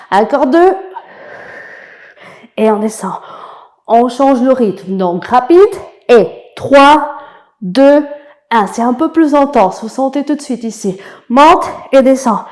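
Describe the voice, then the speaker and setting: A woman leading an abs workout class, counting repetitions and giving short, brisk, encouraging cues. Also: sits high, animated, darkish tone. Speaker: fitness coach. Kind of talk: guided workout instruction.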